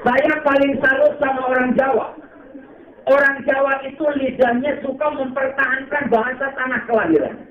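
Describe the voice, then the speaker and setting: A man with a Sundanese accent preaching a humorous sermon, jokey and swinging from low asides to high exclaimed phrases. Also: steady tone, moderate pace. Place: outdoor gathering by a slope. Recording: roomy, distant, dull PA sound with crowd.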